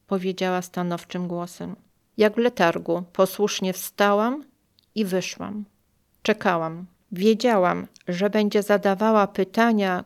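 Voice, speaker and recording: An older woman reading her own memoir aloud in a calm, measured, quietly emotional way. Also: mid-range voice, clean tone. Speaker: memoir narrator.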